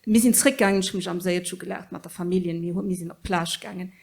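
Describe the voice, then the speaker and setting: A middle-aged woman politician in a panel debate, speaking earnestly and pausing often to search for words. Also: lowish voice, steady tone, creaky, a little mellow. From Luxembourg.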